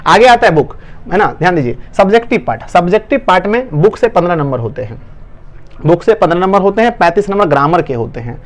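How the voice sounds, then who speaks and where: A man's voice: sits high, animated, fast. A male online tutor with a Bihari Hindi accent, giving an urgent, coaxing exam-prep lesson to students.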